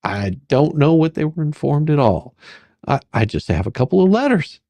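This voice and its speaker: Here a reader takes on the role of a sarcastic attorney who keeps pressing a witness, and the dramatic deposition reading is full of repetitive, halting, probing questions. Mid-range in pitch, the voice swings widely, carries vocal fry and sounds mellow, with no echo.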